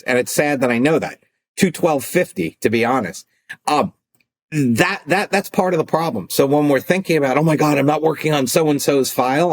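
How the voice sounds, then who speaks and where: A middle-aged man, an attorney turned coach, talking casually in a podcast interview and acting out calls and arguments as he tells stories. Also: fairly high pitch. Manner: animated, acts out phone calls and arguments.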